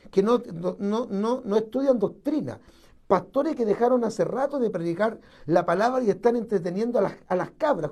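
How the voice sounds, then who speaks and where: A man's voice: sits high, mellow. A man preaching a sermon, emphatic and repetitive, piling up strong words. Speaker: pastor.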